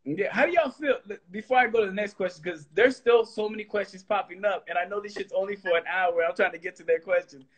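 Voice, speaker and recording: A husky-voiced man in his late thirties hosts a laid-back interview. His voice sits high for a man, and he talks loosely, tripping over repeated words before finding his point. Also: fast talker, few pauses. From Texas. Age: 30s. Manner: loose, animated, repeats words when starting. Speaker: host. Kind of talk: casual interview chat.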